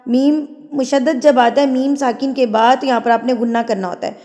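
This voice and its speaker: A woman from Pakistan, teaching Quran tajweed: she recites verses slowly and measuredly, then explains the rules in quick talk. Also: sits high, fairly even intonation, warm tone, big-room sound.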